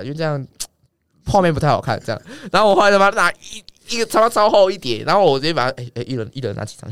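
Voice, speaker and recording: A man's voice: medium pitch, smooth, no echo. A young man, telling a story in a casual chat, swearing freely as he talks. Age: young adult. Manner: rapid, swearing, animated anecdote telling. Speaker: guest.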